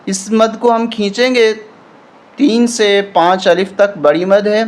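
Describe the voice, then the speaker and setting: A man's voice: sits high, fairly even intonation. A man teaching a recitation lesson, patiently spelling out letters and rules one at a time. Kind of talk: step-by-step tajweed lesson.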